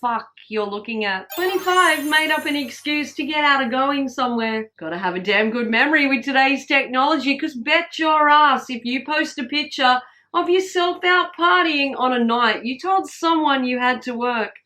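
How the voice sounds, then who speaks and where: A woman's voice: high voice, moderate pace, bright, forceful tone, low-quality recording. A woman in her forties with an Australian accent, counting down a list of embarrassing habits with candid, sweary, wry asides. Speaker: vlogger. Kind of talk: listing funny confessions to camera.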